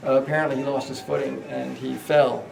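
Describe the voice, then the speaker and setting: Rambly ghost tour guy, gravelly voice, lots of uhs, echoey hotel hallway. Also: medium pitch, level tone, a little fast, far from the mic, noisy background. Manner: rambling, many fillers and restarts. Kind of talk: guided tour storytelling.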